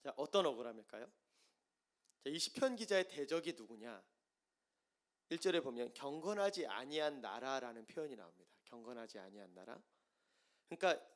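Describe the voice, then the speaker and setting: A man preaching a sermon as pastor, moving from soft explaining to loud impassioned pleading. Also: mid-range voice, sing-song, normal speed.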